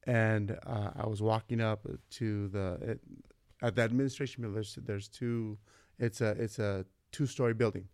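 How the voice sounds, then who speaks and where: Gravelly-voiced man telling stories. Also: lowish voice, moderate pace, no room sound. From California. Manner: animated, acts out quoted dialogue in his stories. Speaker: vice principal, podcast guest. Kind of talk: casual storytelling interview.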